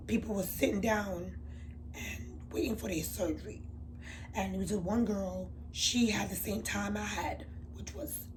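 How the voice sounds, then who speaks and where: A woman telling a candid storytime to her viewers, chatty and confiding, swinging from loud emphatic bursts to low murmurs. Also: slight background noise. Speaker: beauty vlogger. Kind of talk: storytime vlog.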